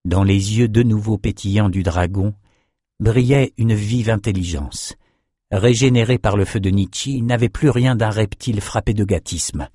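A man reading a fantasy novel aloud as narrator, in a steady, measured way. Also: on the low side, husky, no room sound, clean studio sound. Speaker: audiobook narrator.

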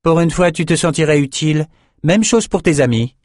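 A man playing a proud, sharp-tongued sorceress. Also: fairly high pitch, expressive, moderate pace, no echo, pitched above the performer's own voice, natural voice. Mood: cutting. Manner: dry, cutting retorts.

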